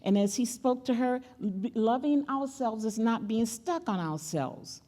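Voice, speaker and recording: A woman's voice: fairly high pitch, animated, measured pace, dark tone. An older woman, a great-grandmother, preaching as guest speaker at a church, emphatic and repeating key phrases as she calls on the audience. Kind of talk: sermon.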